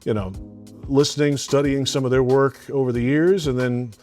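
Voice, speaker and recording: A male play-by-play radio announcer from Alabama answers interview questions casually, rambling with lots of fillers and restarts. His voice is medium-pitched and darkish, with fairly even intonation and a moderate pace, over soft background music.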